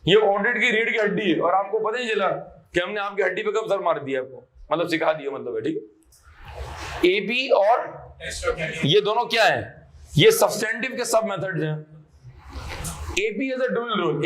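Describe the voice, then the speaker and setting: A man teaching a classroom lecture, animated, quizzing students with repeated questions and chanted phrases. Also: sits high, normal speed, pauses often, rough recording. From Pakistan.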